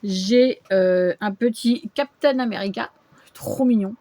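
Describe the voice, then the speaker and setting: A woman vlogger chats casually at home through a shopping haul video, full of fillers and little interjections. Her medium-pitched voice is slow and warm.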